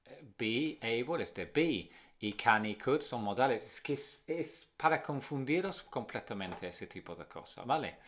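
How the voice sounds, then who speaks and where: A man who speaks English natively, giving a casual video lesson in Spanish, chatty, and switching to English to model pronunciation slowly. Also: mid-range voice. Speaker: English teacher.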